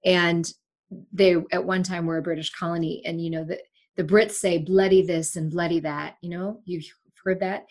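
This woman's voice is fairly low and moves at a moderate pace through a remote-call connection. An emphatic, candid storyteller full of animation, she is a Sri Lankan broadcaster and podcast host in her forties appearing as a guest in a casual interview chat.

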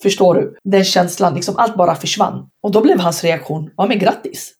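Woman, interview guest, former basketball player, gravelly voice, lively storytelling. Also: on the low side. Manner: animated, acts out past dialogue in her stories; frank and emphatic.

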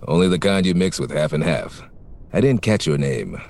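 An actor playing a wisecracking, world-weary private detective, deadpan, in a parody noir audio drama. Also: male voice, sits low, moderate pace. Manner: deadpan, hard-boiled wisecracking. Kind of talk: parody noir narration and radio drama acting.

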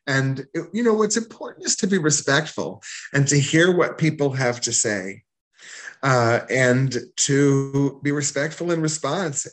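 A man's voice: medium pitch, a bit bright. A man who is a rabbi, answering interview questions in a thoughtful way, often repeating words as he gathers his thoughts.

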